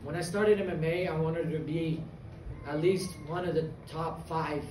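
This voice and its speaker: A young man from Afghanistan, an MMA fighter giving a confident, earnest post-fight interview with many pauses and fillers. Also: fairly high pitch, fairly even intonation, noisy background. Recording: echoey venue, distant mic, loud crowd ambience.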